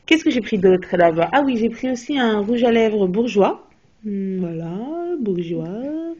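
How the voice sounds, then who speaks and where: In an unhurried, expressive way, a young woman who vlogs about beauty chats about products she's just bought, her medium-pitched voice a little mellow with a breathy edge. Fillers and restarts crop up throughout her hesitant talk. The audio comes from a dull, lo-fi phone video.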